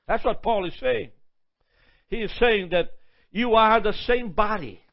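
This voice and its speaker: A man delivers a sermon in a high, gravelly voice, a little slowly, stacking up long emphatic lists. He stumbles and repeats words, and the audio sounds dull and lo-fi.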